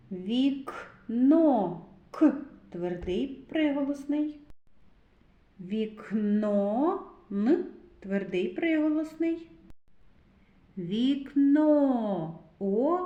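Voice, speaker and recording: A woman kindergarten teacher giving a literacy lesson to preschoolers, spelling out sounds carefully and praising the children. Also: fairly high pitch. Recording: echoey, slightly dull recording.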